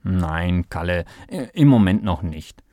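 A man voicing a patient young male archaeology assistant in a children's storybook, calmly explaining. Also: low voice, unhurried, no room sound, studio quality, pitched below the performer's own voice. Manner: calm, gently explaining. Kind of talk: storybook read-aloud.

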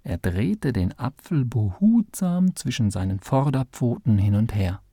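Man reading a kids story, slow and super expressive, dry close sound. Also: mid-range voice, husky, no room sound. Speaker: narrator. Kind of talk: storybook read-aloud.

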